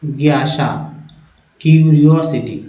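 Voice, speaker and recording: A man teaching English spelling and pronunciation in a slow, deliberate classroom style. He repeats each word three times and keeps checking that his viewers follow. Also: on the high side, fairly even intonation, dark tone. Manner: addresses viewers as friends, often checks with "ठीक है". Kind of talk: spoken classroom lesson. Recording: roomy, dull lo-fi sound.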